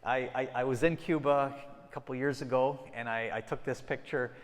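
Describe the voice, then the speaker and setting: Speaking at a normal speed in a mid-range voice with fairly even intonation, a middle-aged man addresses a church congregation as the missionary guest speaker. His mission talk is conversational and full of restarted sentences. He is from Ecuador and Peru, and the sanctuary recording carries long hall reverb.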